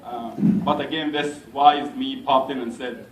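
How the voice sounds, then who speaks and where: A man from Egypt, an imam giving an unhurried, gently self-mocking speech to a community gathering in a large hall. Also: mid-range voice, steady tone, a little hiss or hum. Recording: echoey hall, mic at a distance.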